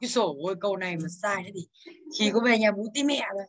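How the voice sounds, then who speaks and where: A woman's voice: mid-range voice, fast talker, low-quality recording. A young woman teaching English, going through exam answers and teasing her students as she asks them for each answer. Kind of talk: exam answer walkthrough lesson.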